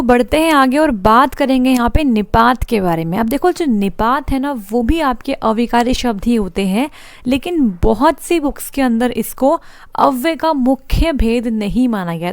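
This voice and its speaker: A woman's voice: on the high side, no room sound. Woman, grammar teacher, explanatory lecture style, rhetorical questions, dry close recording. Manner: explanatory, repeats points and asks rhetorical questions. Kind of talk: exam-prep lecture explaining slides.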